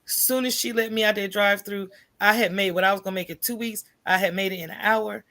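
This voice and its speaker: This podcast guest, an American woman, speaks fast at a medium pitch. Her storytelling is lively and conversational, candid throughout, with frequent "right?" check-ins.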